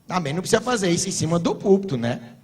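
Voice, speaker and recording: A middle-aged Brazilian pastor preaching a sermon to couples, telling humorous stories and building to emphatic exhortation. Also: male voice, high voice, very animated, very fast, a little mellow. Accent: Brazilian Portuguese.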